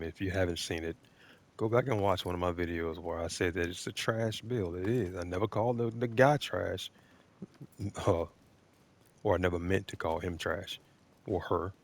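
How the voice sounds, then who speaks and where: A man giving blunt, opinionated, defensive off-the-cuff commentary as a video game creator, with halting, emphatic phrasing. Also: sits low.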